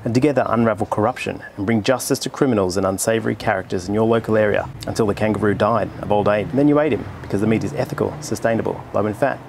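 Fast-talking Australian man, deadpan pitch. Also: creaky. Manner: deadpan mock-salesman delivery. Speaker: astronomer and channel host. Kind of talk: comedic sponsor read.

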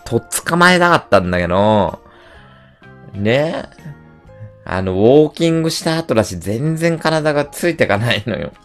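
Animated, rough-talking man ranting casually. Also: medium pitch, normal speed, soft background music. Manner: animated ranting storyteller, rough slangy speech. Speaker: livestreamer. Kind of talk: casual chat.

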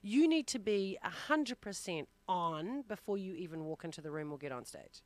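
A woman's voice: lowish voice, lively intonation, moderate pace, darkish tone, dry recording. A woman guest on a radio interview, a presentation coach, talking in a chatty way with easy laughs and plenty of fillers.

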